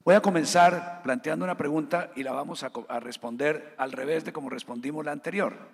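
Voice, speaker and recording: A man moderating a formal panel, measured and structured, laying out points in order. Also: on the high side, vocal fry, big-room sound. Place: conference hall.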